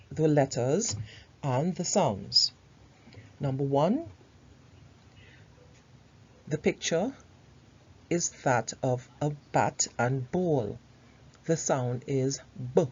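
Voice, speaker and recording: Low-pitched woman teaching young children. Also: extremely slow, pauses often, breathy edge, lo-fi sound. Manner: addresses young children in simple, instructional phrases. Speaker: teacher hosting a phonics quiz for children. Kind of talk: children's lesson narration.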